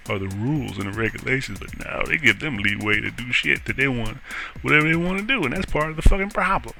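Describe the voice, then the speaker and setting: An indignant man tells a personal story as a swearing, laughing rant. His voice is gravelly and hard-edged, pushed with a tense, forceful brightness, and faint music plays behind him. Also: mid-range voice. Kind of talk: casual profane storytelling.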